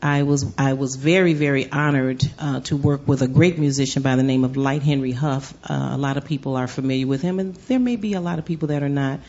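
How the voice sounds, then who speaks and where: A woman's voice: a bass voice, fairly even intonation, fairly quick, hardly any pauses, darkish tone. Reflective woman with a slightly lo-fi sound. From Chicago, United States. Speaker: jazz vocalist, interview guest. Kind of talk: live radio interview. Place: live broadcast from a venue.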